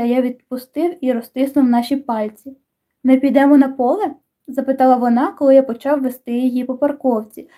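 A woman narrates an audiobook in calm, even storytelling. Her voice sits high and sounds soft and mellow. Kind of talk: scripted narration.

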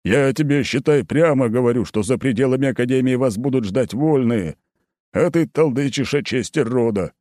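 A man's voice: on the low side, lively intonation, moderate pace, dark tone, no room sound, studio quality, pitched above the performer's own voice. A man voicing an aging, worried count and academy rector who gives urgent, insistent warnings in an audiobook. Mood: urgent pleading. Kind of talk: audiobook character voice.

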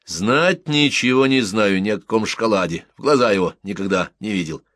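A calm army lieutenant, as a man reads him answers in a dry, measured way. He sounds steady and unbothered. The voice is fairly low and close. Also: no echo, natural voice.

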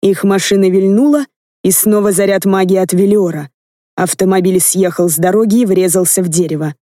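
A woman reading a first-person fantasy audiobook with lively, expressive narration. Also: medium pitch, a little fast, no echo, studio quality. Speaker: audiobook reader.

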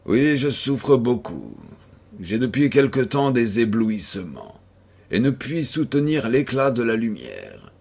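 A sickly, brooding young recluse, voiced by a man reading aloud, weary and bitterly ironic. The voice is husky and unhurried, each phrase dragged out slowly. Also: medium pitch, sing-song, a little mellow, exaggerated voice. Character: feverish, melancholic young male recluse, bitter.

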